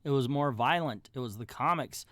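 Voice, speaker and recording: A man's voice: medium pitch, moderate pace, fairly bright tone, no echo. A middle-aged man hosting a comic book review channel, giving a casual ranked countdown in a folksy, colloquial way with emphatic asides.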